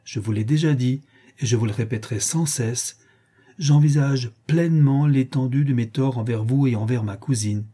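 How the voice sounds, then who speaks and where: A man's voice: mid-range voice, breathy edge, lightly acted. A man reading an audiobook and voicing a proud, earnest young noblewoman who answers steadily and defiantly. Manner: earnest, measured, quietly defiant.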